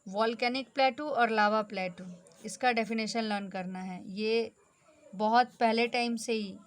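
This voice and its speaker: A woman with a fairly high voice teaches an exam-focused lesson in a brisk, instructive way. She slips English terms into her explanations as she tells students what to learn.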